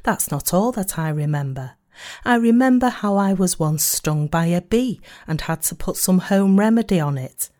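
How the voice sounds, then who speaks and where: Woman, sermon reading, lowish voice, measured and earnest, slows for emphasis. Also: animated, warm tone. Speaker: sermon reader.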